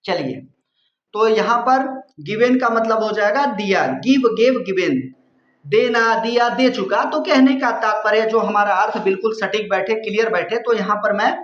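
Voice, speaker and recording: A man teaching a poem line by line, slowly repeating each word and its meaning. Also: high-pitched, a bit bright. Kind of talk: line-by-line poem explanation lesson. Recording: echoey dull lo-fi room sound.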